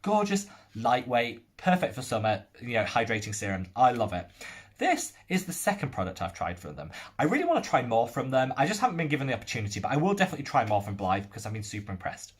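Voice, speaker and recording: A man's voice: mid-range voice, wildly swooping pitch, quick pace, husky. A young man from the UK reviewing skincare products in an enthusiastic, gushing manner.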